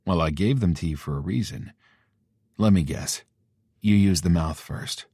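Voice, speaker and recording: A man voicing a teasing, tender young male lover in an audiobook, speaking softly and intimately. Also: deep voice, moderate pace, slightly rough, no room sound, studio quality. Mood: amused.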